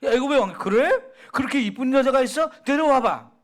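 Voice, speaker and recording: A man voicing a boastful ancient Egyptian king, loud and commanding, in a sermon. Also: extremely high pitch, a little fast, voice pushed up. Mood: eager.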